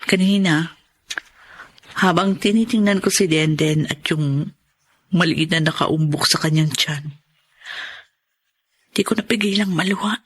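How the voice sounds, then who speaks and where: In a Filipino radio drama, a woman plays a forgiving, emotional elder sister who is also a grieving wife. Her lowish voice has a breathy edge, and she speaks earnestly and deliberately in a tearful, reflective mood.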